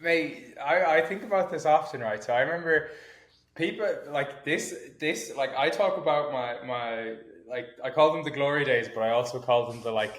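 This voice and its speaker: A man's voice: medium pitch, normal speed, a bit bright. A man, a fitness coach chatting as a podcast guest, self-mocking, rambling, laughing often. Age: 20s. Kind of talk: casual chat. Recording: roomy echoey room.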